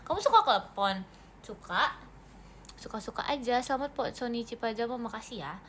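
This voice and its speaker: A woman's voice: fairly high pitch, a bit bright, a little hiss or hum. A woman livestreaming to fans in a casual, playful chat, reading comments aloud and mixing in English words.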